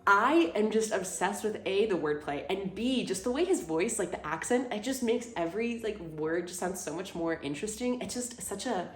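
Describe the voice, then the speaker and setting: A woman's voice: medium pitch, expressive, normal speed, few pauses. A woman, chatting casually about her favorite things of the month, gushing and full of fillers. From Houston, Texas. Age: 20s. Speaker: vlogger. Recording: roomy sound with faint music.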